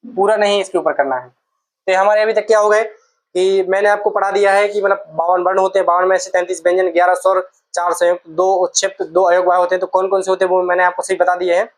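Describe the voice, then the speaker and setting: A woman's voice: fairly low pitch, flat delivery, fast talker, low-quality recording. A woman teaching an exam-prep Hindi lesson, going through each letter patiently, repeating sounds and asking the class questions.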